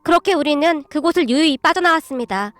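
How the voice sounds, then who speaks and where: A woman narrating a radio story in an even, steady manner. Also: high-pitched, quick pace, dry recording.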